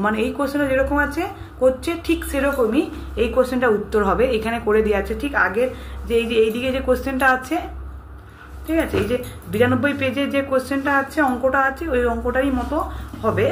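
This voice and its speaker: A woman teacher, reading exam questions and their answers aloud and steadily telling students what to learn. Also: sits high. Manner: steady, instructive, addresses students directly. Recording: echoey room with faint hiss.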